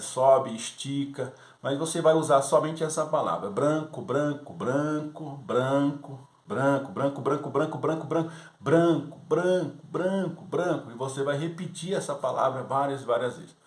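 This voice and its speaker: A man presenting a Sunday school lesson, giving teaching tips in a conversational way and often checking in with his listeners. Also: medium pitch. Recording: echoey room.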